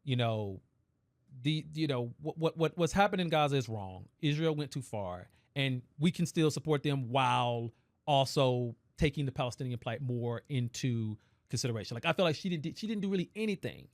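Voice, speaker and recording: A man's voice: medium pitch, expressive, normal speed, dry recording, clean studio sound. A man co-hosting a podcast, talking politics in casual chat and building long, hedged arguments. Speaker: podcast co-host.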